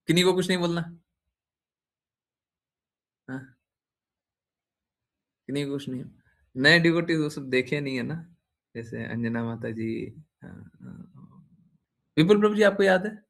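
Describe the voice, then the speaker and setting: A man's voice: a little high, lively intonation, measured pace, vocal fry, pauses often, fairly bright tone. Man teasing his devotees with tag questions. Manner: teasing, repeats phrases, frequent "हैं?" tag questions. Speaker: spiritual teacher addressing devotees. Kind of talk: informal devotional talk.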